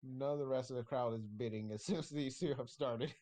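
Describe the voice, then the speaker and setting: A man's voice: mid-range voice, brisk, warm tone. Casual man narrating as game master. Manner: casual, stumbling narration with frequent restarts.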